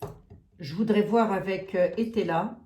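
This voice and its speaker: A woman with a Lorraine French accent reading tarot cards aloud, thinking out loud, questioning the cards and hesitating often. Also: mid-range voice, moderate pace, slight background noise. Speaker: tarot card reader. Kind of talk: casual tarot reading monologue. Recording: roomy echo.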